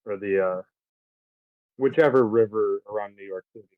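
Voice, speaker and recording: A podcast co-host with a lowish voice goes over a film's plot in relaxed conversation, dropping the odd swear word at a normal speed. His faulty microphone gives a dry, tinny, phone-like sound.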